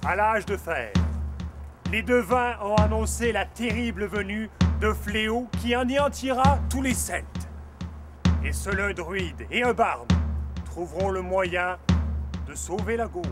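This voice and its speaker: An actor playing a solemn narrator who delivers a scripted, portentous epic prologue for the stage. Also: male voice, high voice, unhurried, over loud music. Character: solemn epic narrator foretelling doom in ancient Gaul.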